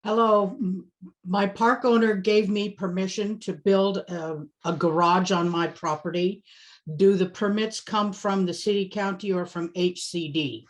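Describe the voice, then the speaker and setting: A woman's voice: medium pitch, fairly even intonation, a little slow, rough recording. A woman caller asking a question on a video call, slightly hesitant but cheerful.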